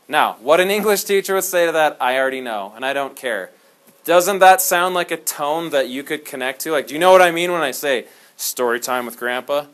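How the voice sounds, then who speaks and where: A man teaching a history class in a classroom, talking in an animated, jokey way and slipping into dramatic storytelling. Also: on the high side, fairly quick. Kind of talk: classroom lecture.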